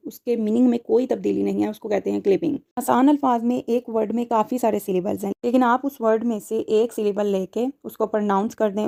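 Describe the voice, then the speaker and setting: A woman's voice: on the high side, creaky, dark tone. A woman teaching a language lesson to students, explaining step by step, restating each point and mixing in English terms. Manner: repeats and rephrases points step by step.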